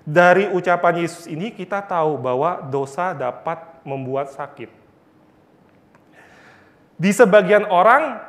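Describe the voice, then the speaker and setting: Male Bible teacher, high voice, earnest storytelling sermon. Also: fairly bright tone. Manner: earnest, storytelling with repeated phrases.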